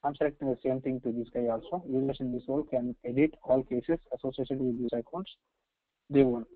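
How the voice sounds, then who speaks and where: A man with an Indian accent teaching software step by step in a halting, repetitive way, often checking with short tag questions. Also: mid-range voice, expressive. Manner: halting, repetitive, frequently checking with "right" and "okay". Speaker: software trainer. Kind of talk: screen-share software tutorial, explaining step by step. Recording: roomy echo, slightly dull lo-fi sound.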